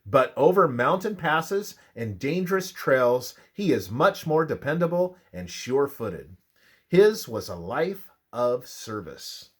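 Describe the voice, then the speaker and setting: This scripted Bible devotional is narrated by a man with a husky, mid-range voice. He reads the religious study material at a slow, measured pace, shaping every line deliberately with lively, varied intonation.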